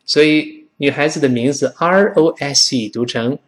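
A middle-aged man from China teaching a spoken English lesson, demonstrating pronunciation slowly and repeatedly. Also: on the high side.

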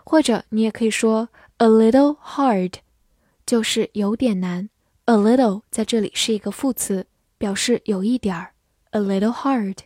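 A woman's voice: on the high side, moderate pace, dark tone, dry recording, studio quality. A woman teaching English vocabulary, patiently explaining words and spelling them out letter by letter. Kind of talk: vocabulary lesson, slow model readings.

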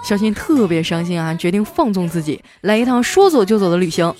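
A woman hosting a comedy show, telling scripted joke stories in a lively way and putting on voices for the characters. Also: mid-range voice, brisk, over music, crowd noise. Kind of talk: scripted comic storytelling.

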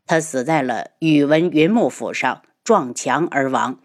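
A woman voicing a calm, cool-tempered noble prince in an audio novel, speaking low, cold and steady. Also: measured pace.

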